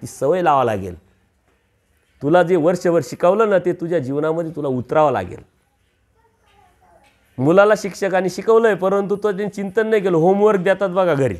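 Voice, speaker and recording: Man, preacher, high voice, parable sermon, acted-out dialogue. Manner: acts out dialogue of characters in a village story, rising for emphasis. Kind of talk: storytelling sermon.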